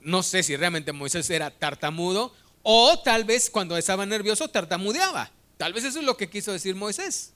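A man's voice: high-pitched, animated, normal speed, sharp tone. A man preaching a sermon, retelling a Bible story in a conversational, humorous way.

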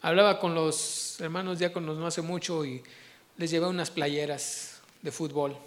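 Male preacher, high pitched, animated, questioning the congregation. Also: moderate pace. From Mexico. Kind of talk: sermon.

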